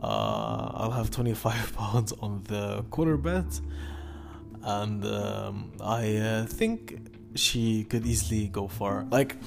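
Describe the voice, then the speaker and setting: A man hosting a casual solo sports betting podcast in halting, hesitant speech, often stopping and repeating himself. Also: fairly low pitch, big pitch swings, creaky. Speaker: podcast host.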